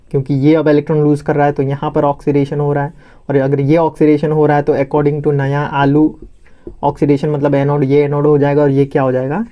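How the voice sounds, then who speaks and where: A man's voice: a little high, highs cut off. A male teacher explaining a science lesson for exam prep in a playful, teasing way, joking with his students.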